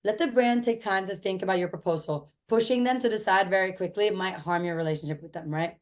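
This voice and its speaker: A woman with a hoarse, raspy, smoker-like voice worn out from talking, teaching a course in an informal, chatty and emphatic way. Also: medium pitch, fast. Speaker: course instructor.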